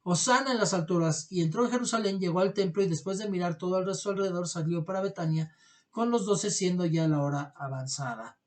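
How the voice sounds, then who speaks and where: A man reading scripture and preaching in an earnest, halting way with many restarts. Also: high voice, darkish tone. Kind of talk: Bible reading and sermon commentary.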